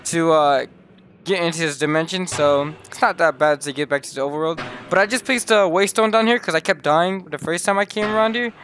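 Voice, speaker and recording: A young man casually commenting while he plays, excitable and talking straight to his viewers, often exclaiming in surprise. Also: on the high side. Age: young adult. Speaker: gaming YouTuber. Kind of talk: casual Let's Play commentary.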